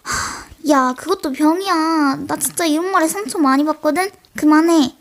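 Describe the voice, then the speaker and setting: In a high-pitched voice at normal speed, a solo role-play creator, a teenage girl with a mild sore throat, acts as a livestreamer. She talks straight to imagined chat viewers, chatting away and telling them off in scripted fashion.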